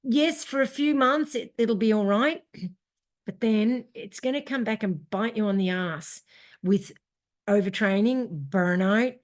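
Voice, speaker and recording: A woman's voice: medium pitch, a little slow. An Australian woman co-hosting a running podcast, chatting casually in a blunt, emphatic way. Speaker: podcast co-host. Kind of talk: casual chat.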